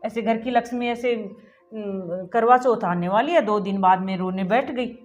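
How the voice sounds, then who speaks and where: A woman's voice: medium pitch, normal speed, natural voice. An actress playing a caring, motherly mother-in-law who soothes and fusses in a family drama. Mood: consoling. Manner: soothing and fussing. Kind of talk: amateur family short-film acting. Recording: dull lo-fi audio, soft music.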